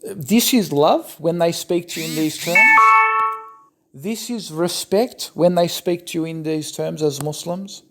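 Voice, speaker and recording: A man's voice: on the high side, a little slow, background noise. A young man from the West with a Turkish background, giving argumentative, sarcastic rebuttal commentary. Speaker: religious commentator.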